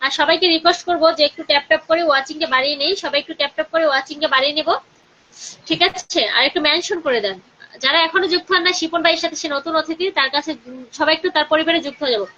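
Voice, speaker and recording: A woman with a Bangladeshi Bengali accent hosting a live stream, chatting with viewers and urging them to share and comment, sometimes talking softly. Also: sits high, highs cut off, slight background noise. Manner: speaking slowly and softly during the call to prayer.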